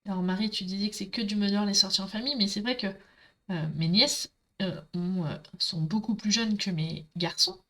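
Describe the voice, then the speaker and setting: Her voice sits at medium pitch with a sharp edge, moving at a normal speed. She's a chatty middle-aged Marseillaise who talks straight to viewers while showing a craft project live.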